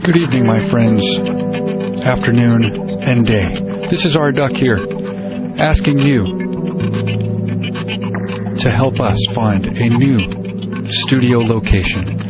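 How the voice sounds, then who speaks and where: A man's voice: medium pitch, takes it slowly, pauses often. A man's lo-fi pirate radio appeal. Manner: plainspoken announcer appeal. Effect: lo-fi pirate radio broadcast sound. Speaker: radio station announcer. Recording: dull lo-fi radio with loud music. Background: loud music.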